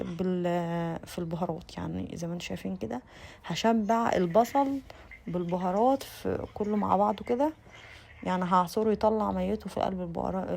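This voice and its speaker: A young Egyptian woman narrates in a quick, chatty way with an Egyptian Arabic accent. Her voice has a gravelly fry, and she speaks straight to her viewers, stopping and restarting her sentences as she goes. The pitch sits in a middle range. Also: darkish tone. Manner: chatty, addresses viewers directly, frequent restarts. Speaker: lifestyle vlogger. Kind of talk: casual voice-over narration.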